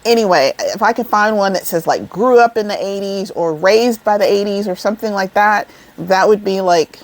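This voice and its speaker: A woman's voice: mid-range voice, moderate pace. A woman in her forties chatting casually to her viewers, rambling and calling them y'all, seated indoors. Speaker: crochet vlogger. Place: indoors, seated over an air vent.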